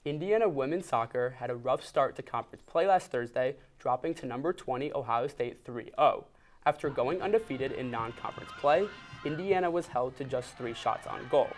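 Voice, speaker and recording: A man's voice: mid-range voice, animated, normal speed, faint music behind. A young man reading scripted sports news as an anchor in a TV studio.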